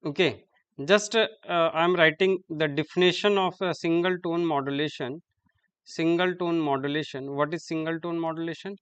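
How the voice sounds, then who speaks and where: A man giving a classroom lecture, halting and repeating terms as he writes on the board. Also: on the high side, steady tone, a bit bright, clean tone, dull audio.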